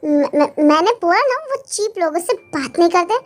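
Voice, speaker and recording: Woman doing a snobby rich girl, condescending and sneering, very high voice. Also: lively intonation, moderate pace. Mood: panicked. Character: snobbish rude young woman, mocking. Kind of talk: Hindi fan dub acting.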